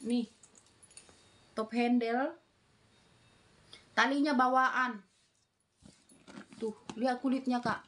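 A woman's voice: fairly high pitch, steady tone, slow, long pauses. A middle-aged woman doing casual, repetitive live-selling patter, calling out items and prices. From Indonesia. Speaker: online seller of secondhand bags. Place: small room indoors.

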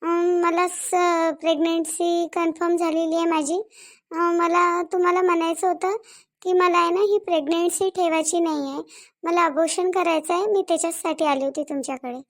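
A hesitant young bride in a cartoon, voiced by a woman with a Varhadi Marathi accent. She speaks high and slightly gravelly, with halting pauses, a little away from the mic. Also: steady tone. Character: headstrong newly married young woman.

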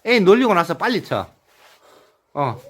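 A man working as an activity instructor guides and cheers people on during a video game, using short repeated calls and lots of laughter. His voice is high with big pitch swings, and he speaks unhurriedly.

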